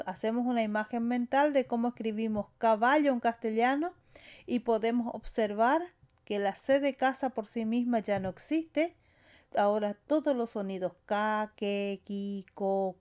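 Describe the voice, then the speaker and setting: A woman's voice: on the high side, a little mellow. A woman teaching a language lesson, saying sounds and words one at a time and stressing the final syllables. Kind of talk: slow explanatory lesson.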